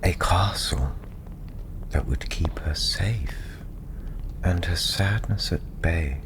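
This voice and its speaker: In a low voice, a man gently narrates a fantasy tale ASMR-style. He's breathy, often almost whispering, and takes his time with long pauses.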